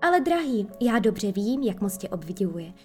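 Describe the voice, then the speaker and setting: A woman as a puzzled, gently stern mother. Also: mid-range voice, very animated, faint music behind, natural voice. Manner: questioning, mildly scolding. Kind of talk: storybook reading.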